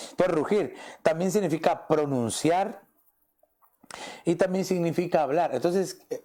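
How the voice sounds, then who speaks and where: A man's voice: a little high, warm tone. A man, a pastor, preaching a conversational sermon and often tossing in rhetorical questions. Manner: asks rhetorical questions, often adds "¿verdad?".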